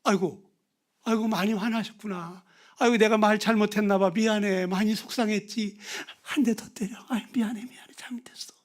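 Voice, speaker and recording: A man's voice: high-pitched, steady tone, brisk, lightly acted. Meek apologizing man, as a preacher puts him on. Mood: pleading. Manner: soft, pleading, half-whispered.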